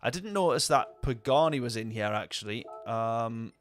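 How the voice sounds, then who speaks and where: A man's voice: medium pitch, lively intonation, moderate pace. Chatty man streaming a racing game. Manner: rambling, chatty, answers viewer chat. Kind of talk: casual gameplay commentary.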